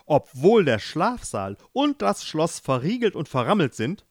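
A man voicing an irritable, blustering middle-aged king who shouts in exasperation. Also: fairly high pitch, very animated, a little slow, no echo, studio quality, voice pushed up, exaggerated voice. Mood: exasperated.

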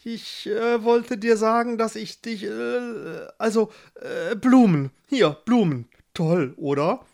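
A man's voice: high voice, slow pace, gravelly, few pauses, a little mellow, voice pushed up, full character voice. A man voicing a shy, lovesick young prince who stammers and hesitates. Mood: flustered.

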